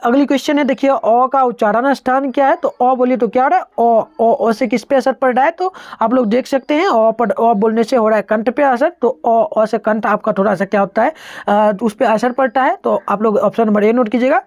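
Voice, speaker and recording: Woman teacher, higher voice, dry close sound, patient step-by-step exam explainer. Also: fairly quick, hardly any pauses, a little mellow, no echo. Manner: explains step by step, has students try sounds aloud. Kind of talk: online exam-answer lesson.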